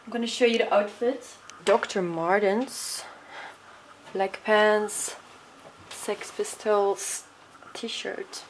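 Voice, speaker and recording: A woman's voice: medium pitch, steady tone, slow pace, slight background noise, low-quality recording. A young woman in casual vlog chat, walking outdoors in a city and talking to a handheld camera, upbeat and chatty with French words mixed in. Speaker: vlogger. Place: walking outdoors on city streets and in a small café. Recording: loud street ambience.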